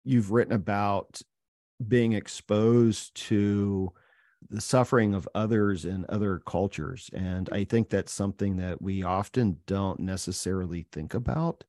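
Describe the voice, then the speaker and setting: A male podcast host interviewing a guest, speaking in an earnest, slow and deliberate way. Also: fairly low pitch, a little mellow, no echo, clean studio sound.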